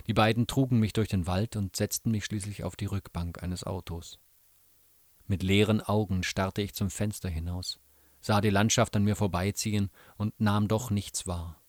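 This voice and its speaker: A man reading a novel aloud in an expressive, dramatic way. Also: deep voice, dry recording. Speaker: reader. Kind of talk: literary reading.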